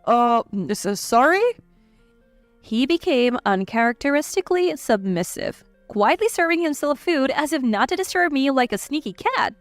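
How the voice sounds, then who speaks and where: A woman's voice: high-pitched, lively intonation, moderate pace, hardly any pauses, no room sound. A woman narrating a first-person story in a cool, blunt, scornful manner. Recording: dry voice with faint music.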